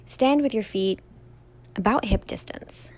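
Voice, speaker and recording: Speaking as a yoga teacher, a young woman guides a standing meditation in a mid-range voice. She is slow and gentle, soothing her listeners as she softly prolongs each word.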